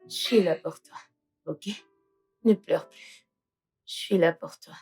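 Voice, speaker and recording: A woman's voice: mid-range voice, slow pace, breathy edge, soft background music, exaggerated voice. An actress dubbing a woman who comforts a crying friend in a film. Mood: gentle soothing. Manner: soothing, hushing. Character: comforting female friend, soothing and steady. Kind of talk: dubbed film acting.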